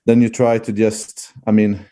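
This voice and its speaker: A man's voice: on the low side, little pitch movement, measured pace, mellow. A man with a Swedish accent chatting casually as an interview guest, hesitant and often searching for words. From Sweden.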